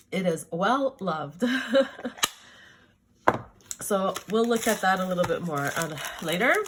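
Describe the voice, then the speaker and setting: A woman's voice: medium pitch, pushed and bright. A middle-aged woman from Canada with a sore throat, chatting enthusiastically about her art supplies in a casual video. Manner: chatty, enthusiastic, self-correcting. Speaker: art vlogger.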